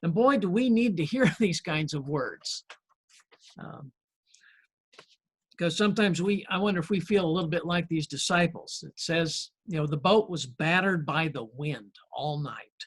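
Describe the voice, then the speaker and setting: A man preaching as pastor in a conversational sermon, telling stories with gentle humor and friendly, unhurried pauses. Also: on the high side, slightly rough. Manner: folksy storytelling with gentle humor.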